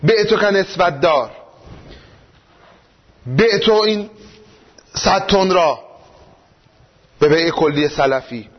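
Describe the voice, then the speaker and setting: Lively high-voiced male seminary lecturer. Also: dull audio. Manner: explanatory, rhetorical questions, swings up and down in pitch. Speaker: teacher of Islamic jurisprudence.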